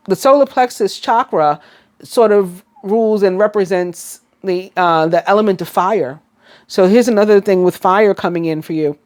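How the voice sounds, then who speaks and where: A woman's voice: medium pitch, darkish tone. A woman with a New York accent giving a casual, rambling tarot reading, full of fillers and restarts. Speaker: tarot reader.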